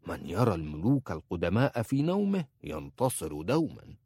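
A man's voice: low voice, sing-song, moderate pace, dark tone, husky, no room sound, clean studio sound, heavily acted. A man voicing a blunt, sardonic old male tailor in an audiobook. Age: older.

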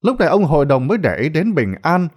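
A man narrating a ghost story in a dramatic, expressive scripted way. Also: fairly high pitch, fast talker, lo-fi sound.

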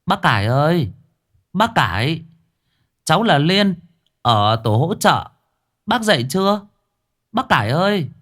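A man playing a worried young female teacher who calls out loudly in a ghost story reading. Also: medium pitch, very animated, slow, hardly any pauses. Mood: calling out. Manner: calling out loudly, anxious.

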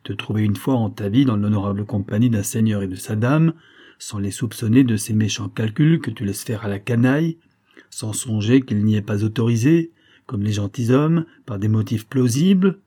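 A man's voice: mid-range voice, moderate pace, darkish tone, husky. A man voicing a furious, haughty noble count who thunders scornful outbursts, reading an audiobook.

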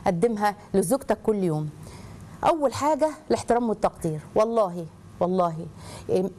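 A woman with an Egyptian Arabic accent hosting a casual advice talk, lively and animated, acting out quoted people and dropping laughing asides. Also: fairly high pitch. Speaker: host giving marriage advice.

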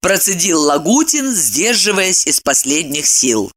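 A woman narrating a story aloud, reading in an expressive, dramatic way. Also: on the low side, unhurried.

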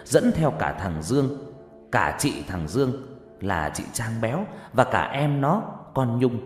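A man narrating a horror story, shifting between hushed and shouting. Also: mid-range voice, sing-song, unhurried. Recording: echoey room with faint music.

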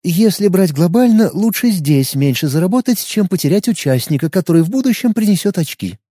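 A man's voice: sits high, expressive, warm tone, breathy edge, no echo, studio quality, pitched above the performer's own voice. A man narrating an audiobook and voicing a composed, teasing young elf woman. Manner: measured and sardonic.

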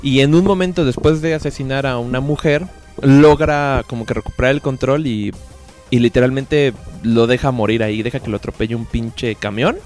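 A man's voice: medium pitch, moderate pace, soft background music. A man with a Mexican accent hosting a podcast, recapping a series in a casual, slangy way and acting out the characters' lines. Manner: animated, acts out quotes with lots of slang. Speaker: podcast host. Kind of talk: casual slangy review chat.

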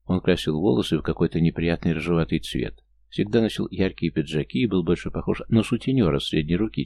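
A man narrating a spy novel audiobook in a measured, even storytelling manner. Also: sits low, vocal fry, no echo. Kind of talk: scripted narration.

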